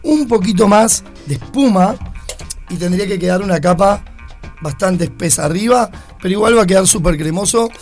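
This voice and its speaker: A man's voice: high-pitched, normal speed, a little mellow, soft background music. A man, a guest bartender chatting casually on a radio show, often restarting his words.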